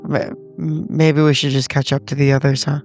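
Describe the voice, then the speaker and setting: A man's voice: fairly high pitch, level tone, moderate pace, gravelly, a little mellow, soft background music. A man role-playing at a tabletop game, hesitant and stammering as he talks. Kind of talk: conversational in-character role-play.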